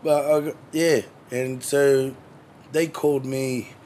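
A man's voice: mid-range voice, fairly even intonation, slow, darkish tone, a little hiss or hum. A man chatting casually as a guest, laid-back and full of swearing and slang. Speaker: drummer, interview guest. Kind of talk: casual chat.

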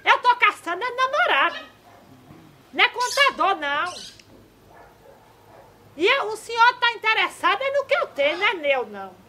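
A woman's voice: extremely high pitch, very animated, moderate pace, pauses often, pushed and bright, slight background noise, full character voice. A woman playing a flustered elderly countrywoman granny with rustic, fussy speech in a comedy sketch. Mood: flustered, indignant.

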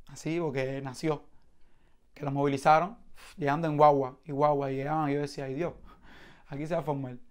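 A man from Cuba with a Cuban accent, giving spoken testimony in an animated storytelling way, with frequent restarts and imitated sounds. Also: fairly high pitch, clean tone. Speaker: protest participant giving testimony.

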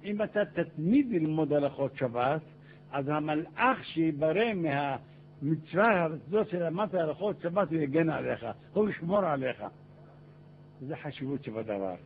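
Old rabbi guy preaching, acts out the back-and-forth, high voice, sounds like an old phone-quality tape. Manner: animated, acts out dialogue in raised voice. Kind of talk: Torah lecture with storytelling. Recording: tinny phone-like archive recording with hiss.

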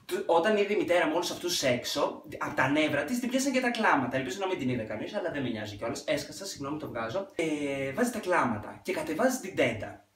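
A young man tells a story from home in an animated, dramatic way, his pitch leaping up and down with every beat. His voice sits a little high and comes from off the mic in an echoey room. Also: distant mic, a little hiss or hum. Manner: animated, dramatic retelling with sudden loud outbursts. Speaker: vlogger. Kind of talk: casual storytime monologue.

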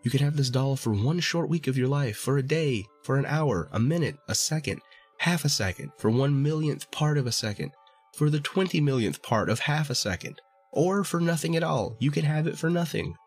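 A man plays a pair of tiny dwarves begging in an eager, hurried whisper. The voice is pitched well up, breathy and husky, over faint music. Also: lively intonation. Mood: pleading. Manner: hurried loud whisper, pleading.

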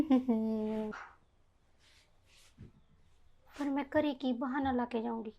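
A woman's voice: on the high side, dull audio. A young woman playing a coaxing lovestruck girl. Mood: dreamy. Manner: playful, coaxing, talks to herself. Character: young schoolgirl secretly in love, coaxing. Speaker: daughter. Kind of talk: village family drama acting.

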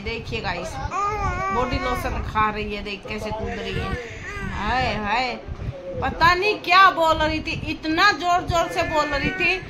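A woman with a high voice talks slowly and easily while filming a casual vlog at home. She chats to her viewers and fusses affectionately over a baby girl. Her phone recording picks up loud street and vehicle noise behind her. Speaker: vlogger. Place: room at home.

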